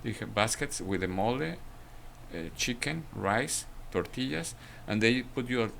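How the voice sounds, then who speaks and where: A cafe owner from Mexico, talking in a hesitant way with many fillers and restarts in a casual interview. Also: male voice, medium pitch, lively intonation, measured pace, vocal fry, fairly bright tone, slight background noise.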